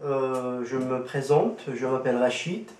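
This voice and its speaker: An Algerian man whose language is Kabyle gives casual spoken testimony, hesitating often, leaning on fillers and restarting his sentences. His voice is an ordinary middle pitch and a little mellow. The recording is roomy and echoey, picked up from a distance.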